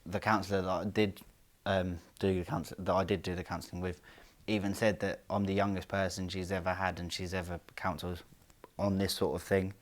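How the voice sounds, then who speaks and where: A man with a very deep voice speaks earnestly in a documentary interview. His delivery is steady and flat, with a few restarts. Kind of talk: documentary interview, personal account.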